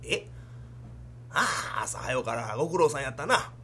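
A man's voice: mid-range voice, very animated, moderate pace, sharp tone, a little hiss or hum, pitched below the performer's own voice. A man voicing a fretful older merchant father with a Kansai accent, scolding his son in rakugo storytelling. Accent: Kansai Japanese. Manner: scolding, exasperated.

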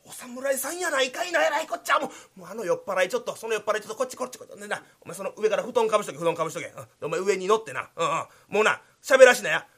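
Man playing a flustered Kansai watchman, quick scolding, bright lively voice. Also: sits high, husky, exaggerated voice. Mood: panicked. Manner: fast, fussing, scolding. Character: flustered male night watchman, Kansai townsman.

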